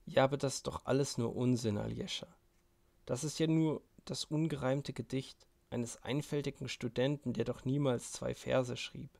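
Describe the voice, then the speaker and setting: A man's voice: mid-range voice, steady tone, normal speed, creaky, darkish tone, close to an everyday voice. Ivan, a man reading a wry brooding thinker. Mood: dismissive. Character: brooding, ironic young intellectual man.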